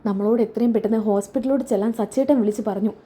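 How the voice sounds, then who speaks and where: A woman's voice: a little high, rapid-fire, warm tone, breathy edge. A woman voicing a nervous young man who stammers and hesitates while breaking bad news. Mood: hesitant.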